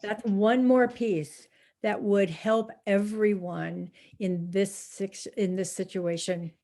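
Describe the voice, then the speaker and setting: A woman moderating a casual online panel. She responds warmly to the other panelists and invites them to speak. Her voice sits at a middle pitch and comes through a video call. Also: fairly even intonation, slow pace.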